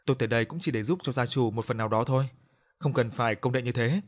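A man voicing a calm, gentle young Buddhist monk in an audio story. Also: medium pitch, fast talker, close to an everyday voice. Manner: gentle, soft-spoken.

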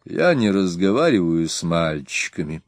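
Calm proud Germanic king, read by a man. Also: low voice, no echo. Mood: calm firm. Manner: calm, firm, measured.

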